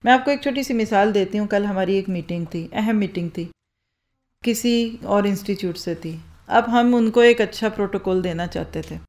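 A woman's voice: mid-range voice, normal speed, a little mellow. Woman lecturing on a microphone. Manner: rhetorical questions, answered herself. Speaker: speaking-skills trainer. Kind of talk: lecture to a live audience. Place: lecture hall with rows of listeners. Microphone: handheld or stand microphone.

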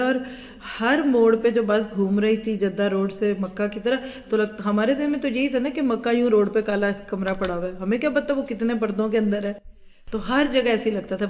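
Woman teaching a hadith class in an echoing hall. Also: mid-range voice. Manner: animated, acts out everyday dialogue, mixes in English words. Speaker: religious teacher. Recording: echoey hall, dull lo-fi sound.

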